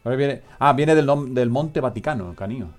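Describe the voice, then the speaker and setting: A man's voice: medium pitch, a little fast, soft background music. A man hosts a loose, comedic radio chat at a studio mic. His talk rambles, drifts into jokes and often trails off unfinished. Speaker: podcast host.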